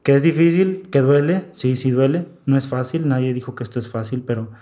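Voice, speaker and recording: A man speaks as an interview guest in a warm, darker tone. He tells his story earnestly, repeats phrases and slips into acting out the people he quotes. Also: mid-range voice, a little fast. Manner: earnest, repeats himself, acts out quoted dialogue. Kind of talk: emotional testimony in an interview.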